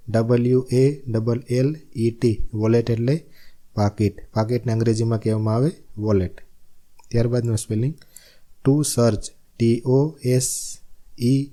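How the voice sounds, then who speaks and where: A man with a Gujarati accent teaches a spelling lesson with a very dark, mellow voice. He spells each word out letter by letter and repeats the meaning in a steady classroom rhythm. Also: medium pitch. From Gujarat, India.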